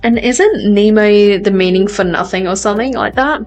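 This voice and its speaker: A chatty woman hosts a live stream and talks casually with viewers, often laughing at herself as she goes. Her voice sits at an ordinary middle pitch. Faint music plays softly underneath. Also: normal speed. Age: adult. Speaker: tarot reader and livestream host. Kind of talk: casual chat reading out viewer comments.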